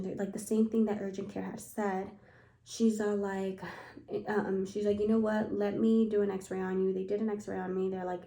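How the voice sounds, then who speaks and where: A woman's voice: mid-range voice, warm tone. A young woman telling a personal story to camera in a casual vlog, filling her speech with "like" and retelling her fear. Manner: anxious retelling, heavy use of "like". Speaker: vlogger. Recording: echoey room.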